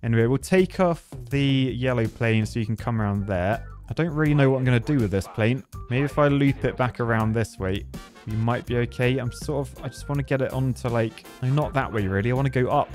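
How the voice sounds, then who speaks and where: Over soft background music, a British host with a mid-range, slightly mellow voice speaks briskly as he plays a game. His live commentary is casual and jokey as he chats and thinks out loud.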